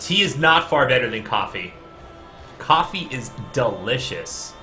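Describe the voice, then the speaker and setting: A man talks through his code on a live stream, thinking out loud and guessing as he goes. His voice is bright and forceful, at an ordinary pitch. Soft music plays faintly behind him. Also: big pitch swings, measured pace. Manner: chatty, talks to viewers in chat between code explanations; guessing and reasoning out loud with frequent "uh". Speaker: game developer streaming his coding.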